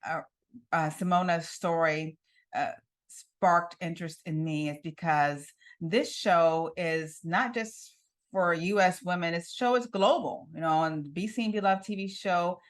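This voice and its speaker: A woman's voice: on the low side, measured pace. A woman hosting an interview show, introducing her guest with enthusiasm and laughing often. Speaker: TV show host.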